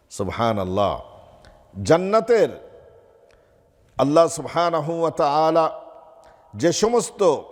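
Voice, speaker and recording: A man's voice: mid-range voice, big-room sound. A man giving a sermon as a mufti in a mosque, asking his listeners rhetorical questions and reciting Arabic before explaining it. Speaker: mufti preaching. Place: mosque hall.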